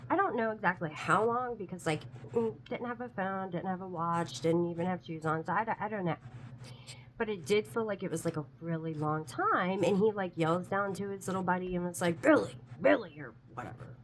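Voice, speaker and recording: A woman's voice: fairly low pitch, a little fast, slight background noise, poor audio. A woman telling a personal story in a casual, chatty way, full of "like" fillers, earnest about it being true.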